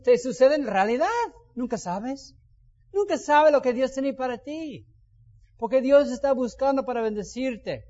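A man preaches a sermon in a high voice, swinging between loud bursts and quiet asides. His voice carries a long reverb through the sanctuary. The sound is muffled and dull. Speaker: pastor.

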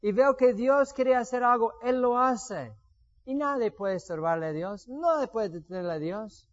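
A man's voice: very high-pitched, lively intonation, normal speed, muffled recording. A man giving a sermon with personal testimony, telling stories and acting out what he once said. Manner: storytelling, acts out his own past words. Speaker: preacher.

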